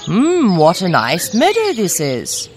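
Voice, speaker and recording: A woman's voice: fairly low pitch, wildly swooping pitch, slow, loud music behind the voice, pitched above the performer's own voice, exaggerated voice. A woman voicing a king who admires the land he passes. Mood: admiring.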